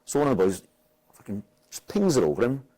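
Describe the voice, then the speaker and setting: Quick-paced and mid-range in voice, a Welsh man who manages a football team relates a match story casually. He's animated, swears a lot, and acts out the quotes loudly.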